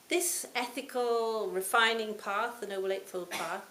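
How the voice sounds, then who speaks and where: A woman in her sixties giving a reflective Buddhist talk to a retreat audience, her phrases often trailing off softly. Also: medium pitch, slow. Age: 60s. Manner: reflective, warm storytelling with soft trailing phrase ends. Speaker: Buddhist teacher. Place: retreat hall. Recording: roomy hall, faint hiss.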